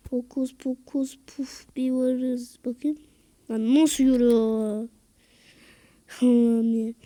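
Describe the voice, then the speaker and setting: A woman doing casual gameplay commentary, excitable and slangy, yelling at teammates in bursts. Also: fairly high pitch. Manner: slangy, rough-talking banter. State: out of breath. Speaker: gaming video creator. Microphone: screen-recorded game commentary mic.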